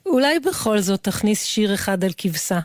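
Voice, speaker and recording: A woman's voice: medium pitch, sing-song, a little mellow, no room sound. Woman reading a story in a dry room. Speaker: co-reader. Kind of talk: reading a children's book aloud.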